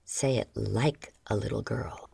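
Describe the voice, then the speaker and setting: Stern commanding man, a woman voices him, low gravelly half-whisper, dark tone. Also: a little slow, full character voice.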